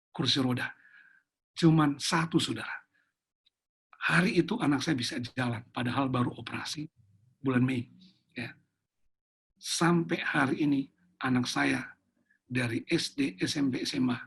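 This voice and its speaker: A middle-aged male pastor preaches an earnest testimony, speaking straight to his listeners as if they sit before him. His voice has a husky, slightly breathy grain. The sound comes through a video call. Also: mid-range voice, fairly bright tone. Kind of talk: testimony sermon.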